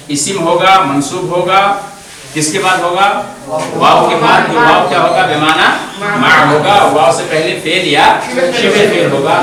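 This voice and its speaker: A man teaching Arabic grammar in a seminary class, repeating terms and quizzing his students. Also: fairly high pitch. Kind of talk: classroom lecture. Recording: very echoey room, distant mic, students around.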